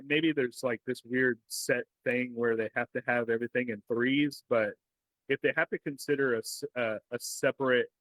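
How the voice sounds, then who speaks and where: Brief: relaxed male podcast co-host, mid-pitched, laughs easily, recorded close and dry. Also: normal speed, no echo, low-quality recording. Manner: easygoing, laughs often, short agreeing replies. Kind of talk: casual chat.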